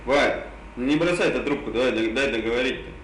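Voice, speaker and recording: A man's voice: medium pitch, a little fast. Wheedling man with burred r's, echoey call. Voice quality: burred, indistinct r sounds. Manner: insistent, wheedling, repeats himself. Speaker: prank caller. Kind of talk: casual phone chat, coaxing. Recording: echoey phone call, faint noise.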